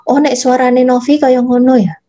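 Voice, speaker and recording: A woman's voice: sits high, little pitch movement, normal speed. A woman, teaching public speaking in a chatty workshop lecture, addressing her audience directly. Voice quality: soft, gentle voice. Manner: demonstrates phrasing by reading aloud.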